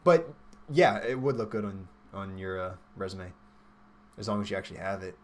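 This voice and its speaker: Low-voiced and moderately paced, a man in his twenties hosts a livestream over a little hiss or hum. A software developer, he chats informally and thinks aloud as he reads viewer questions and answers them.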